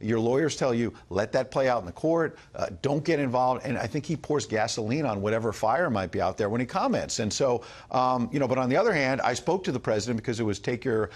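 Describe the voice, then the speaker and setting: A man's voice: mid-range voice, expressive, fast talker, few pauses. Emphatic American male news correspondent. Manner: emphatic, insistent, punchy short phrases. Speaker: news correspondent and guest commentator. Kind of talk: broadcast news commentary.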